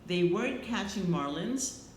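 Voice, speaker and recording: A middle-aged or older woman reads a prepared eulogy in a tender, solemn, slightly faltering way with deliberate phrasing. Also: medium pitch, animated. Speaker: eulogist, family member. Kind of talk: prepared eulogy read aloud. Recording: echoey room, faint background noise.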